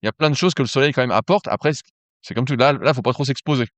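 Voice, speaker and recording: Fast-talking man co-hosting a podcast. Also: mid-range voice, no room sound. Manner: animated, stumbling restarts. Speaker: podcast co-host, coach. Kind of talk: casual chat.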